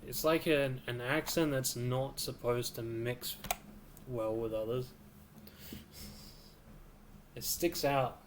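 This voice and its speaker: A man streaming a video game, slowly musing aloud to himself in casual commentary. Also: medium pitch, steady tone, a little hiss or hum. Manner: slow, musing, mutters to himself.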